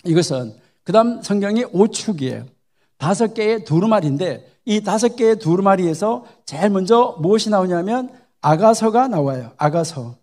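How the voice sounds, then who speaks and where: A man's voice: sits high, lively intonation, moderate pace, darkish tone. A man giving a Bible lecture at a church conference, often posing questions to his listeners and acting out short dialogues. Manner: poses rhetorical questions to the audience; acts out short dialogues in the talk. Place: church hall.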